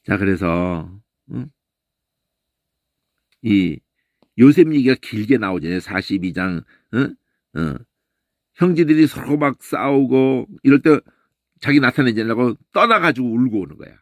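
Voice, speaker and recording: A man teaching a Bible lesson in an animated way, often tossing in a questioning "eh?" and imitating sounds. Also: medium pitch, measured pace, pauses often, dry recording. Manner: animated, keeps asking "eh?" and mimics voices and sounds.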